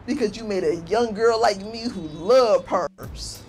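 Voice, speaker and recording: A woman's voice: medium pitch, measured pace, darkish tone, faint music behind, poor audio. A middle-aged woman from Chicago performing spoken word poetry with a sassy, rhythmic, scolding delivery at a stand mic on a city rooftop.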